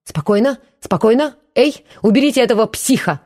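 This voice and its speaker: A woman's voice: on the low side, animated, moderate pace, a little mellow. A woman voicing a pompous, sarcastic middle-aged man who bristles at accusations, read in an audiobook.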